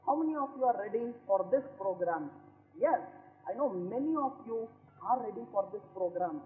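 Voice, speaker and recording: A man pitches his seminar in a very high voice, hammering each point through repetition. The audio is tinny and thin like a phone line, with a roomy echo and long reverb around him. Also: animated, normal speed, faint music behind. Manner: emphatic, repetitive, salesman-like. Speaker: stock market trainer promoting a seminar. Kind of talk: sales pitch to a webinar audience.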